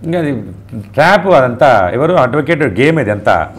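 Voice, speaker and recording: A man's voice: mid-range voice, sing-song. A man in an interview recounting events at length, insistent and repetitive, often quoting what others said. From Telugu-speaking India. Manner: fast, insistent, repeats points and quotes others. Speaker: interviewee making allegations.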